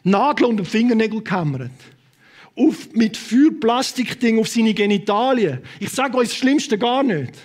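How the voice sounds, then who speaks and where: High-voiced Swiss German preacher. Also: male voice, lively intonation, a little slow. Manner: impassioned, swings between loud proclamation and quiet asides; sprinkles English words into speech. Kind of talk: sermon. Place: church hall with a congregation.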